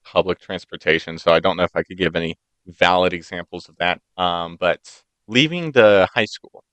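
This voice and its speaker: Bright-voiced young man, animated storyteller. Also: deep voice, moderate pace, no echo. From United States. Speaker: podcast co-host. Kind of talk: casual podcast chat.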